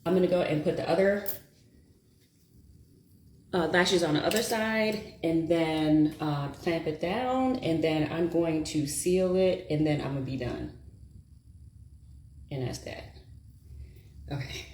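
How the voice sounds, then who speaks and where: A woman's voice: low-pitched, a little slow, darkish tone, reverberant, slight background noise. A woman chatting casually and thinking aloud as she applies her lashes during a live stream. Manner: chatty, self-deprecating, thinks aloud while working. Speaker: beauty vlogger. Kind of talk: casual live chat while doing makeup.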